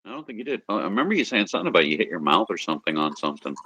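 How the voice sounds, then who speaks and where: A man's voice: sits low, sing-song, rapid-fire, sharp tone, husky, no echo. A man, a guest on a live stream, chatting casually and talking up the voices he can do. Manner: chatty, boastful about doing voices. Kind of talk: casual chat.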